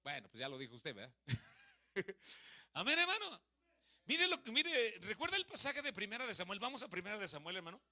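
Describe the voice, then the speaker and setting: A Mexican man in his thirties preaches a sermon in a church hall, his high-pitched voice moving fairly quickly. He speaks with a Mexican Spanish accent. He is lively, asking the congregation questions and joking with them.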